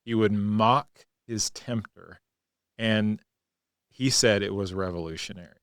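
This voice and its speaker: Low-voiced man telling stories on a podcast. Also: measured pace, fairly bright tone, clean tone, no room sound, clean studio sound. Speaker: podcast co-host. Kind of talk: reflective conversational storytelling.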